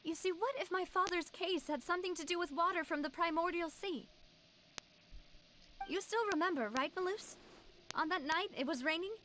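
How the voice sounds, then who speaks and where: Very high, earnest game heroine, faint noise behind. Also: female voice, normal speed, bright, forceful tone. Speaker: game character. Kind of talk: game voice acting.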